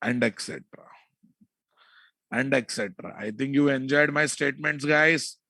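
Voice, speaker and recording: A man's voice: mid-range voice, normal speed, pushed and bright, dry recording. A man with a Telugu Indian accent giving an informal technical lecture as an instructor, repeating himself and often checking that listeners follow. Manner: repetitive, checks understanding often with casual asides. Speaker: programming instructor.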